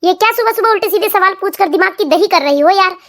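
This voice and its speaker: A woman's voice: extremely high pitch, fast. A woman voicing a tired, lazy young husband in a comedy cartoon, grumbling and dodging. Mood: irritated. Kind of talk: cartoon family comedy voice acting.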